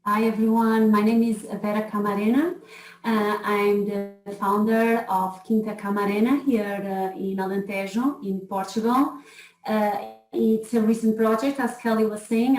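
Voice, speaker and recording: A woman's voice: medium pitch, a little mellow. Female panelist, hesitant delivery, distant roomy video-call sound. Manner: hesitant, with restarts and "uh" fillers. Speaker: hotel founder and chapter leader. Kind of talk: panel self-introduction. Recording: echoey room, distant from the mic.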